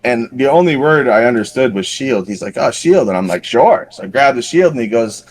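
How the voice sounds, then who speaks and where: A man's voice: medium pitch, lively intonation, fairly quick, a little hiss or hum. A man on a podcast casually telling a long paintball story, rambling and self-deprecating with lots of fillers. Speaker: podcast co-host.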